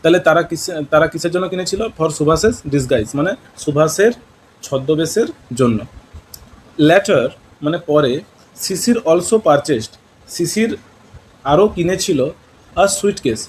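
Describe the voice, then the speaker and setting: Animated yet a little slow, a West Bengali man with a higher voice teaches an English lesson in Bengali, slipping in English words and asking his students questions. He has a West Bengal accent, and the low-quality recording has slight background noise.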